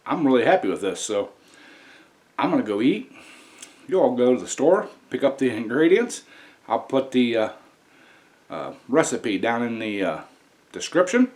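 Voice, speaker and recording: A man's voice: medium pitch, big pitch swings, normal speed, pauses often, a little mellow. An American man hosting a casual home cooking vlog, talking to viewers in a folksy, plain-spoken way. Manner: folksy, addresses viewers as y'all. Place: indoor home kitchen. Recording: clear background noise, kitchen ambience.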